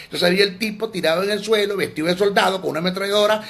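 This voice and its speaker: A man's voice: sits high, racing, fairly bright tone. A man teaching theology in a sermon, emphatic and scolding, often repeating words.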